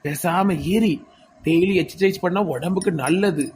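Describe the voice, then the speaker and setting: Cartoon role: curt, stern village husband played by a woman, Tirunelveli Tamil accent, lower register. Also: normal speed, a little hiss or hum, lightly acted. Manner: curt, scolding, counts out loud. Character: stern bossy village husband, middle-aged. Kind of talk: cartoon dialogue.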